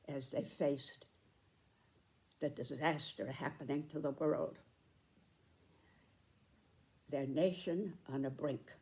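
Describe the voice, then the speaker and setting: A woman in her nineties giving a reflective spoken commentary, with deliberate, emphatic phrasing and pauses. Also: low-pitched, mellow. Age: 90s.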